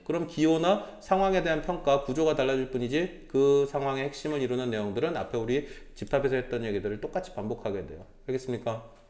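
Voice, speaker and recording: A man's voice: medium pitch, fast talker, a little mellow. A man lecturing a small class as a math tutor, checking in with students through constant tag questions and throwing in blunt slangy asides.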